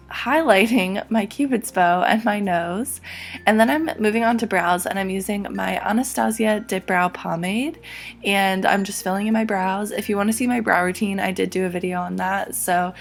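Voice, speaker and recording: Hoarse young woman doing makeup tutorial. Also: medium pitch. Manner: chatty, upbeat product talk with many "like"s. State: hoarse, a little sick. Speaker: beauty vlogger.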